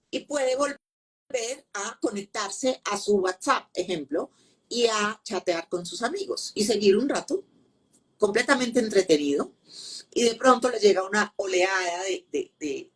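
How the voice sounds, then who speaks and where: A woman speaks as a grief counselor in an interview. Her voice is husky and a little breathy, sitting at an ordinary middle pitch, and she explains patiently, circling back to repeat her main points and lay out simple examples. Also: a little mellow. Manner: patient, teacherly, uses repetition and examples.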